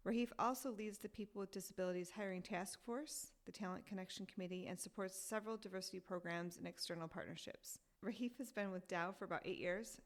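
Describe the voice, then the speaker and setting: A woman hosting a community interview podcast, introducing her guest in a clear, friendly way. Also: on the low side. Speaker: podcast host.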